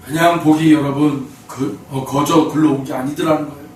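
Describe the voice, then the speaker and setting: A pastor preaching a sermon and telling a story, fervent and rising to shouts. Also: male voice, fairly high pitch, fairly even intonation, brisk, a little hiss or hum. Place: church sanctuary. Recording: very echoey hall, mic at a distance.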